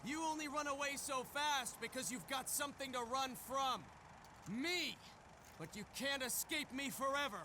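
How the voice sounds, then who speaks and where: Luka, cocky, high-pitched young journalist. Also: male voice, moderate pace. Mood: desperate anger. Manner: suave, dramatic, smug. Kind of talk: theatrical video game voice acting. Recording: game audio with clear background noise.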